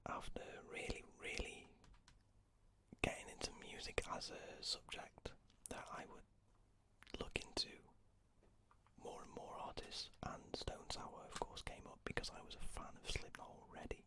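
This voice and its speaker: A man speaking in a close, ear-to-ear unvoiced whisper, rambling casually for ASMR with hesitant asides. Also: measured pace. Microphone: close ear-to-ear ASMR microphone.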